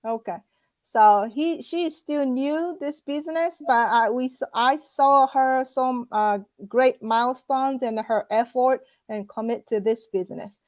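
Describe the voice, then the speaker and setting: Chatty halting woman host. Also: high voice, a little mellow, no echo. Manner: chatty, halting, many restarts and fillers. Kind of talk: casual interview.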